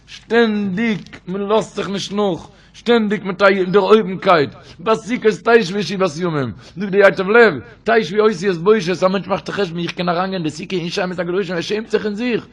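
A man with a high, gravelly voice gives a Torah sermon. He preaches in a sing-song chant and keeps rising into shouted passages. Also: a little fast, few pauses. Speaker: rabbi. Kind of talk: Yiddish-flavoured Torah sermon.

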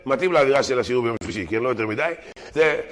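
A man teaching a weekly religious lesson in an animated, slangy way that mixes learned phrases with street talk. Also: mid-range voice. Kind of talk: religious lesson mixed with jokes.

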